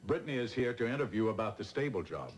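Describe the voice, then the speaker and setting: A man's voice: lowish voice, very animated, fast talker, a little hiss or hum. An actor playing a friendly, chatty married man who welcomes guests, in 1980s TV soap acting. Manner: friendly, chatty, laughs easily. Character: genial married host of a large estate.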